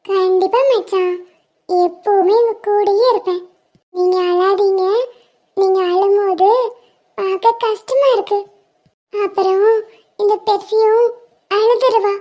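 A woman voicing a sweet little girl who softly comforts a crying friend in a cartoon. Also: very high-pitched, fairly even intonation, slow pace, pauses often. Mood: tender, comforting. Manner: soft, coaxing. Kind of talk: animated cartoon voice acting. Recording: dull lo-fi sound.

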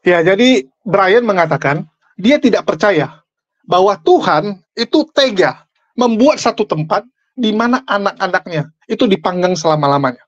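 Argumentative man with an animated voice. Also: high voice, normal speed, no room sound, dull audio. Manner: explanatory, argumentative. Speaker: Islamic preacher commenting on a clip. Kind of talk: commentary on a debate clip.

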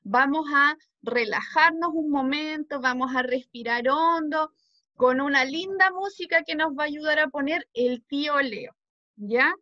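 A woman's voice: sits high, measured pace, dry recording, highs cut off. A woman with a Chilean Spanish accent teaching preschoolers, coaxing them with questions. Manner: coaxing, asks the children questions. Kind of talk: class for small children.

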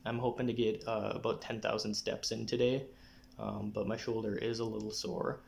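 A young adult man talking casually to camera in a personal update, often clearing his throat. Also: lowish voice, level tone, moderate pace, a little mellow. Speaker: vlogger giving a personal health update. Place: small living room, indoors. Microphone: phone or camera at arm's length.

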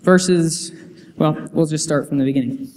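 In a church sanctuary filled with reverb and slight background noise, a young adult youth preacher gives a sermon with scripture reading. His voice runs on the high side, a little mellow, at a moderate pace, and he's earnest, reading quotes aloud and frequently starting over.

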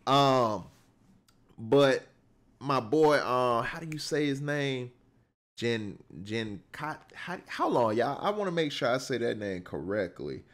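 A man's voice: mid-range voice, animated, slow, a bit bright. A man from the American South with a Southern accent, chatting casually to viewers in a film reaction, full of fillers and restarts. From Southern United States. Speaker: movie reaction streamer.

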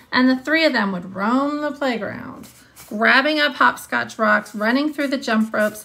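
A woman in her thirties, an elementary school teacher, reads aloud in a high voice with vocal fry and a slightly bright quality, stressing key words. She explains the text and poses questions to her students during this read-along lesson. The recording is rough.

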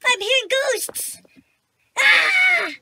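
Woman voicing a squeaky male puppet hero, bewildered, high and bouncy pitch, slow delivery, noisy home recording. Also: sing-song. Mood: confused. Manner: bewildered, exclaiming to himself. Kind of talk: homemade puppet comedy.

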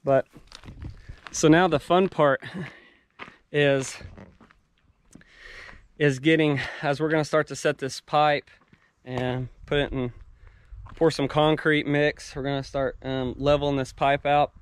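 A man's voice: a little high, flat delivery, slow, long pauses, smooth. A young man filming a casual vlog outdoors on a ranch, explaining a construction job step by step with many ums and restarts. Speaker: rancher and vlogger. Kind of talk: casual on-site vlog narration. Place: outdoors on a ranch building site. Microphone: handheld action camera at arm's length.

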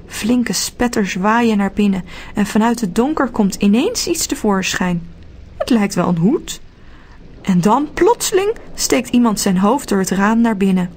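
A woman narrating a children's storybook audiobook in a steady, clear telling. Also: mid-range voice, measured pace.

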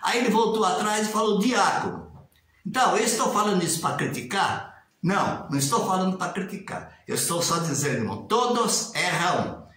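Talking to a webcam at desk distance, a Brazilian Portuguese-accented religious commentator in his sixties gives lively, casual video commentary from a small tiled room that makes everything very echoey. His voice is high, pushed and bright, very animated and a little fast, occasionally rising into a sing-song mimicry of formal prayers.

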